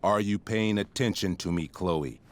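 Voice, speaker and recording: As in a dramatic video game scene, a stern middle-aged school principal hands down judgment in a lowish voice, a little slowly. His sentences are formal, pompous and wordy.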